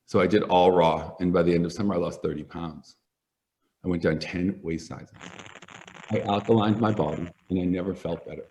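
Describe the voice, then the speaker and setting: Middle-aged male stylist, low voice, energetic raconteur who mimics the people he quotes. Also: normal speed. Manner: animated storyteller, acts out quoted voices. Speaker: hair stylist and product formulator. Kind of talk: sit-down interview, storytelling.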